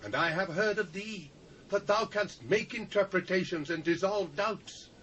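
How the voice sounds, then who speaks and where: High-pitched imperious British king. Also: animated, measured pace, a bit bright. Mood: imperious, uneasy. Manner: declamatory, imperious. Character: proud anxious Babylonian king addressing a captive sage. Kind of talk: dramatised Bible reading, theatrical declamation. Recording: dull hissy old cassette.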